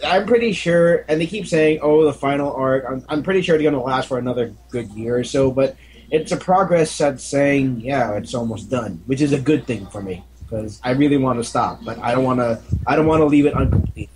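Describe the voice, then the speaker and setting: A man co-hosting a casual podcast, talking haltingly and searching for words. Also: medium pitch, rough recording. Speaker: podcast co-host. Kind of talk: casual chat.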